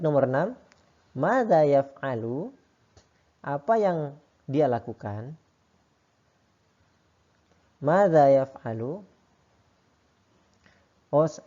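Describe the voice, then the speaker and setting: A man teaching a lesson, reading each phrase slowly and then explaining it quickly. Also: medium pitch, lively intonation, mellow. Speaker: Arabic teacher. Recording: dull lo-fi sound.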